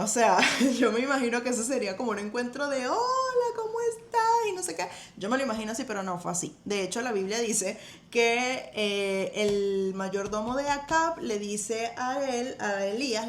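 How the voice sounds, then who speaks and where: Venezuelan woman chatting through a bible story, lively, echoey room with a low rumble under it. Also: moderate pace. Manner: animated retelling with laughs and acted quotes. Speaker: podcast host.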